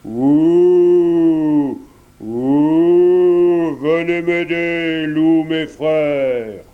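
A man's voice: a little high, slow, phone-quality sound. A man doing a growling, vengeful wolf. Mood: grumbling. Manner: growling, pleading. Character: greedy, vengeful tailless wolf.

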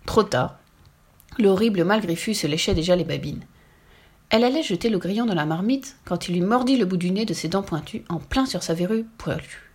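A woman reading a children's storybook aloud in a lively, expressive way. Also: fairly low pitch, brisk, slightly rough.

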